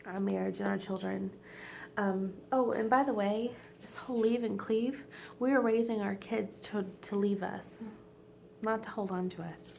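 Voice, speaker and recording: A woman in her forties, a home vlogger chatting casually, rambling and heartfelt and teary, often dropping to a soft near-whisper. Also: medium pitch, fairly even intonation, unhurried, gravelly, slight background noise. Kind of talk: casual chat.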